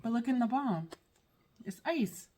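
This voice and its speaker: A woman's voice: fairly high pitch, expressive, a little slow, warm tone. A woman chatting casually as a co-taster, giving brief, matter-of-fact reactions.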